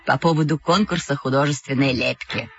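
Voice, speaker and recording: A woman reading an audiobook, voicing a pompous, lanky schoolboy radio reporter with a nasal, self-important tone, lower than her own voice. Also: a little fast, highs cut off, soft background music.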